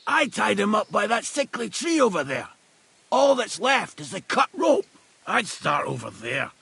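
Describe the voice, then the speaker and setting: A man's voice: high voice, very animated, a little slow, sharp tone, no room sound, heavily acted. An actor playing an injured, blunt woodsman who is short of breath and barks orders in a video game. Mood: gruff. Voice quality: gravelly, raspy.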